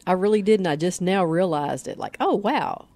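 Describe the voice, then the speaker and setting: A woman's voice: on the low side, animated, normal speed, a little mellow, dry recording. A woman co-hosting a radio show, chatting in a playful, giggly way. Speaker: radio co-host. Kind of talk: casual radio chat.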